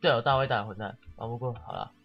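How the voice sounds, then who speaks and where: A man's voice: medium pitch, fast, highs cut off, soft background music. A man giving casual let's-play commentary, sarcastic and swearing often while mockingly reading the game's text aloud.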